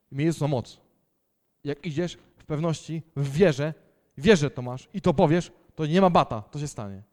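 A young man preaching a sermon, telling a personal testimony in an emphatic storytelling way with quiet asides. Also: a little high.

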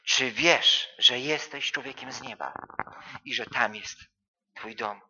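A man preaching a sermon, full of rhetorical questions and repetition, swinging from soft to loud. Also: medium pitch, slow, lo-fi sound, a little hiss or hum.

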